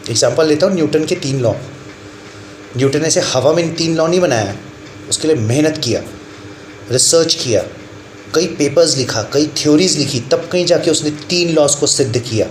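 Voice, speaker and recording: A man giving a blunt, scolding motivational lecture to students and parents as a coaching class teacher. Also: medium pitch. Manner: blunt, scolding, lecturing, mixing in English phrases. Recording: echoey room with faint ambient noise.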